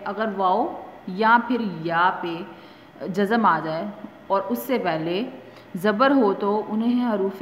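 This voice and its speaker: Woman teacher with a Pakistani Urdu accent, slow drill-style recitation, recorded in a reverberant room with faint background hum. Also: medium pitch. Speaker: Quran reading teacher. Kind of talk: recorded classroom lesson.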